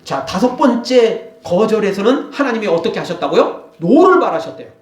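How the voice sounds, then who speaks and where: A male pastor preaching a sermon, animated, acting out scolding quotes. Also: high voice, normal speed, reverberant, recorded from a distance. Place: church.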